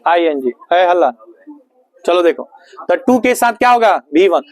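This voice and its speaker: A man's voice: high-pitched, sing-song, moderate pace, dry recording, rough recording. Man, teacher, classroom grammar lesson, repetitive questioning. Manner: drills students with repeated questions. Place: classroom with students.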